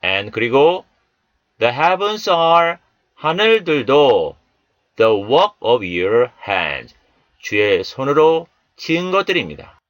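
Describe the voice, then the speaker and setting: Guy doing a super slow english pronunciation lesson, lively up-and-down voice, dry close sound. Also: mid-range voice, dry recording, lo-fi sound. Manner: repeats each English word slowly, then explains in Korean. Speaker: English Bible teacher.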